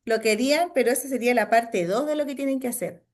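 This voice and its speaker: A woman's voice: on the high side, fast talker, darkish tone. A Chilean woman, a psychologist leading a training class, explaining with examples and acting out what she says to children. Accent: Chilean Spanish. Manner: checks in often with "cierto?". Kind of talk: online training lecture.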